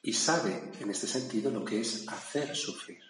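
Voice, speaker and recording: A man's voice: mid-range voice, a little slow. A man from preaching a reflective gospel sermon, in a conversational manner with little asides to his listeners. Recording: echoey hall with faint room noise.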